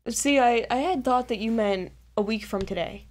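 A woman's voice: a little high, moderate pace. A woman co-hosting a casual unscripted chat, giggly and teasing. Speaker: co-host.

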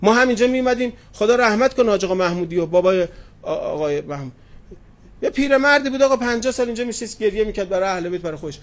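Man, very high voice, middle-aged cleric, sermon with stories, tender address to listeners. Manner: addresses listeners tenderly, retells anecdotes with quoted dialogue. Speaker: cleric preacher. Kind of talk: sermon with storytelling. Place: religious gathering hall.

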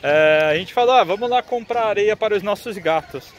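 Out in a busy town square and park, a Brazilian Portuguese-accented travel vlogger in his thirties chats a little fast in a high voice, pointing things out as he walks. He films on a phone at arm's length, and crowd and street noise come through.

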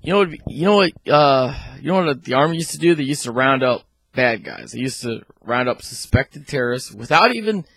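A man's voice: mid-range voice, husky, no room sound. A man in his thirties, a video blogger speaking a little oddly after oral surgery, giving an indignant, opinionated rant to camera. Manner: indignant, rhetorical questions. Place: small room at home. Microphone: handheld microphone close to the mouth.

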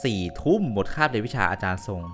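Thai gamer voicing dialogue with soft music. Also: male voice, lowish voice, sing-song. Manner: reads game lines aloud in Thai, mixes in halting English and jokes. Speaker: gaming YouTuber. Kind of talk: game playthrough, reading and translating dialogue.

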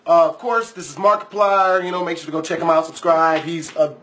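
Male reaction host, high-pitched and bright, blunt casual swearing, music behind. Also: steady tone, a little fast, a little hiss or hum. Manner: profane, blunt. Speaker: YouTuber, reaction video host. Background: music and horror game video audio.

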